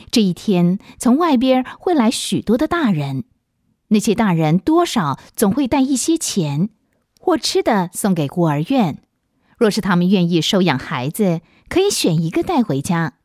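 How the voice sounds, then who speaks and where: A woman narrating a children's story in a gentle, expressive storytelling manner on a close studio mic. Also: medium pitch, dry recording.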